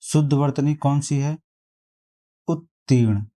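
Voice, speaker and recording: Slow, mellow-voiced male teacher. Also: mid-range voice. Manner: reads options aloud slowly, repeating words to compare. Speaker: exam prep teacher. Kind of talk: spelling quiz lesson.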